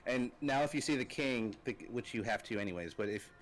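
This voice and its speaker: A man's voice: medium pitch, brisk. A man co-hosting a casual gameplay stream, explaining the game like someone who knows it well. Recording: game music behind the voice. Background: video game music.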